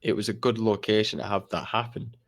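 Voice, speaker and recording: Young Englishman, podcast co-host, animated and laughing storyteller. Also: lowish voice, fairly quick. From England. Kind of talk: casual chat.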